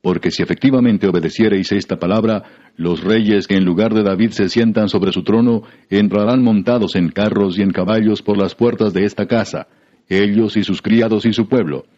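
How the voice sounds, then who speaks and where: A man giving a measured, solemn scripted Bible reading, heard through a muffled radio broadcast. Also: fairly low pitch, fairly even intonation, mellow. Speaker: scripture reader.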